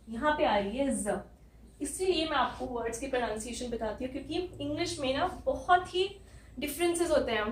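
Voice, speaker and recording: A woman teacher giving a spoken language lesson, explaining slowly and spelling out each sound step by step. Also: high-pitched, a little hiss or hum. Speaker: English teacher. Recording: echoey room, from some distance.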